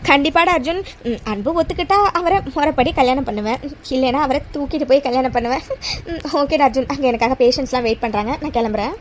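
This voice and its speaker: A woman voicing a confident young woman doctor who is set on getting married, in an animated cartoon story. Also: sits high, fast, slight background noise, pitched below the performer's own voice, close to an everyday voice. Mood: assured. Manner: bold, assured, chatty.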